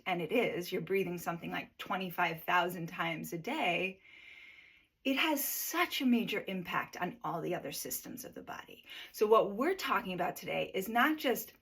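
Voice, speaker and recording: Breathwork teacher, female, husky tone, chatty coaching delivery. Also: mid-range voice, fairly bright tone. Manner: conversational, coaching, checks in with "right?". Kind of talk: guided breathing lesson.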